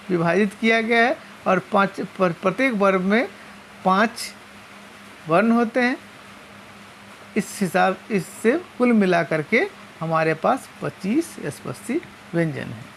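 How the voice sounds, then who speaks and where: A woman teaching a lesson, explaining step by step and slowly spelling out each sound. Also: mid-range voice, animated, slight background noise. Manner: slow and methodical, repeating and spelling out sounds.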